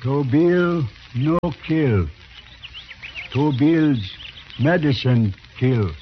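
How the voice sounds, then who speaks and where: A proud, stoic man of the Old West, speaking slowly in halting broken English. The old drama recording is dull, with faint noise behind the voice. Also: mid-range voice, animated. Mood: plain, stoic. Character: proud, stoic Native man accused of murder. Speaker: actor. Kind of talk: old western drama acting.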